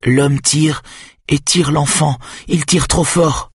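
A man voicing a troubled young woman patient under hypnosis, in a soft, high, breathy voice, in an audiobook. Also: fairly even intonation, measured pace, no echo, clean studio sound, far from the mic. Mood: frightened.

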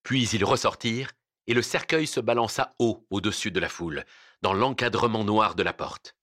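A man reading a novel aloud with expressive, dramatic narration. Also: lowish voice, moderate pace, dry recording, studio quality. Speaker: audiobook reader.

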